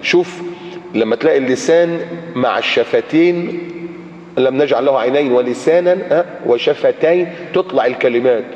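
A man's voice: medium pitch, a little fast, a little mellow. A man with an Egyptian accent giving a colloquial religious lecture, sounding out letters and acting out his examples. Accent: Egyptian Arabic. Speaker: preacher. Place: lecture hall or mosque in Qatar. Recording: echoey hall, dull lo-fi recording.

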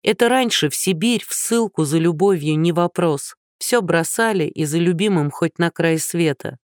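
A man's voice: normal speed, no echo, clean studio sound, natural voice. A man doing prickly young woman Liza. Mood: scornful. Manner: higher, clipped retorts.

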